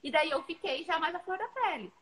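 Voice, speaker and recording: With a very high voice and a brisk pace, a woman from Brazil, a thirty-something mother and co-host, talks earnestly about raising kids and tells animated stories from home. It's a rough recording.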